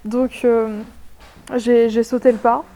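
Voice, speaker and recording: A woman's voice: on the high side, flat delivery, slow pace, warm tone, slight background noise. A woman in her twenties telling her story in an interview, hesitant and full of fillers. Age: 20s. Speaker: art prep student. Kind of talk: casual interview answers.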